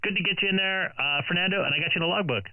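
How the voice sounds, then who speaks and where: A man's voice: high-pitched, racing, heavy background noise. A man calling CQ over ham radio, repeating his call sign in standard radio procedure, heard as a radio transmission. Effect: ham radio transmission over the air. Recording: tinny, phone-like radio audio.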